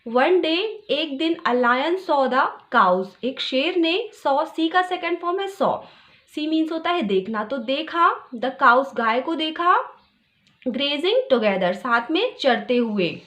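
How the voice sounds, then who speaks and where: High-voiced woman teaching English. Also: lively intonation, a bit bright. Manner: explains word by word, slow when reading English lines aloud. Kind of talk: tutorial lesson.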